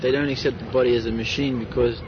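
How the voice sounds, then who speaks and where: A man's voice: medium pitch, flat delivery, fast. A man speaking as a student, putting questions and points in conversation. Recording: dull outdoor recording with engine noise.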